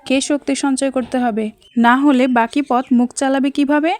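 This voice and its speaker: Woman doing a stern calm guy in an audio story, firm and dry, high voice. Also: normal speed, no room sound, natural voice. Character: calm, stern grown man, the teacher.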